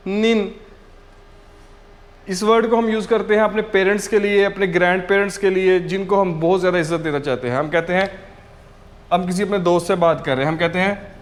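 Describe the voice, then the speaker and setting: High-voiced man drilling pronunciation. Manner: repeats each word slowly several times for pronunciation drill. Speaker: language teacher. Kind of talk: online language lesson.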